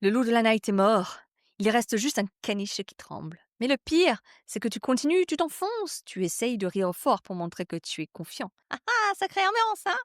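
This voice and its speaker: A woman hosting a podcast in a comic monologue, mocking and animated, swinging between loud punchlines and soft asides. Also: on the high side, moderate pace, no room sound, clean studio sound. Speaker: podcast host.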